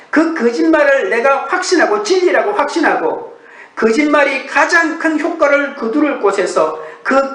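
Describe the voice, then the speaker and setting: High-voiced pastor preaching in an echoey church. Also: male voice, fairly bright tone, recorded from a distance. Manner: earnest, measured preaching with rhetorical questions. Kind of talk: early-morning sermon. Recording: echoey room, voice from off the mic.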